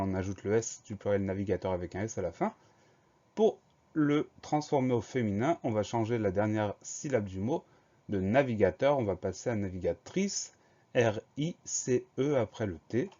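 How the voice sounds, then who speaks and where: A man's voice: lowish voice, mellow, dull audio. A man teaching a spelling lesson to primary pupils, methodically spelling each word out letter by letter.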